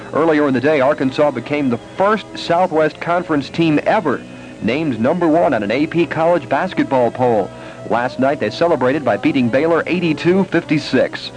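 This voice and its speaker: Steady male radio sports reader. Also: mid-range voice, poor audio. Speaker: radio co-host and news reader. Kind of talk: reading sports news on radio.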